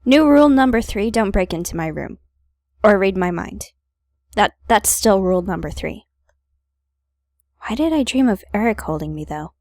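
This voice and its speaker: A woman reads visual novel narration aloud as a gaming host, slipping in wry, playful comments. Her pitch is average and the recording is close and dry. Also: expressive, normal speed, pauses often, darkish tone, no room sound.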